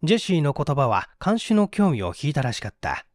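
A male audiobook reader performs scripted mystery narration with theatrical suspense, his fairly high voice sing-song and ranging widely in pitch. He reads briskly, and the sound is dry and close with no echo.

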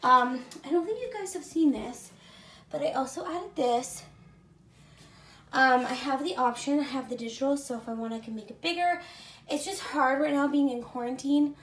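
A pregnant vlogger with a high, fairly bright voice moves through her house at a moderate pace, giving an offhand tour room by room. Her talk wanders, packed with ums and likes, and now and then she runs short of breath.

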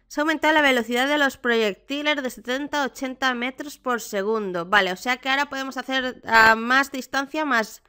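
Excitable Spanish woman gamer, bright voice. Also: fairly high pitch, clear, resonant tone. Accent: Spain Spanish. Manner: chatty, excitable, many repeated fillers like vale. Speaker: gaming streamer. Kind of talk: patch notes review and live gameplay commentary.

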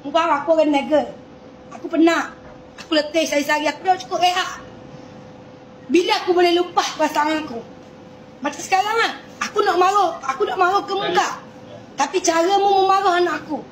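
Shrill woman yelling at store staff, repeats herself a lot, noisy room. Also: steady tone, fairly quick, pauses often. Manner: angry, scolding, repetitive. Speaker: angry customer and mother. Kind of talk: heated confrontation. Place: convenience store.

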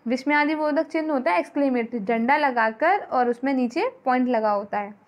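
A woman's voice: high-pitched, brisk. A woman school teacher giving a grammar lesson, patiently repeating points and quizzing her students as she goes.

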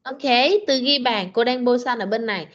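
A woman's voice: fairly high pitch, fairly bright tone. Patient Vietnamese woman teaching over a video call. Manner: patient, corrective, slow repetitions. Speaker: English teacher. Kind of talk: online class drilling pronunciation. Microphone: computer mic on video call. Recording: dull lo-fi video call audio.

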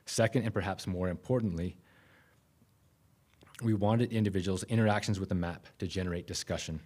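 A man, giving a conference keynote from a podium microphone in a conference room, measured and with frequent restarts. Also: deep voice, steady tone, darkish tone. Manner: measured, self-correcting restarts. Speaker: keynote speaker.

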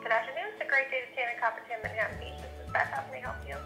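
A woman's voice: a little high, racing, music in the background. A woman receptionist talking casually on a speakerphone, with a puzzled, questioning manner. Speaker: salon receptionist answering the phone. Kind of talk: casual customer-service phone talk. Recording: phone on speaker, echoey room.

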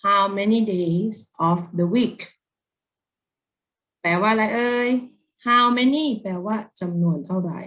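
A woman with a Thai accent teaching children English, speaking gently and encouragingly and drilling words slowly with repeat-after-me. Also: mid-range voice.

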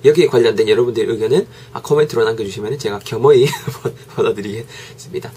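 A man with a Gyeongsang accent teaches in a relaxed, joking way, repeating words over and over to drill pronunciation. His voice is slightly husky. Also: mid-range voice, fast talker. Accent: Gyeongsang Korean. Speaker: English teacher. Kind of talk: casual lecture. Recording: podcast lecture audio.

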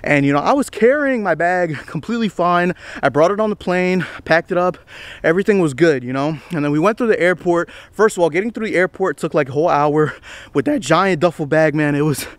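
A man's voice: a little high, lively intonation, brisk, dry recording. A man in his twenties talking casually to the camera while walking a wooded trail, rambling in slang and a little out of breath. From United States. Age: 20s. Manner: rambling, slangy, self-deprecating, says bro a lot. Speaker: vlogger. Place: outdoors on a wooded estate trail.

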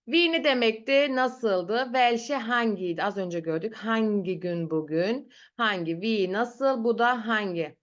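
Slow, patient woman teaching a class. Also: fairly high pitch, lo-fi sound. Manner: patient, repeats words slowly and drills pronunciation. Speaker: German teacher. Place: online class.

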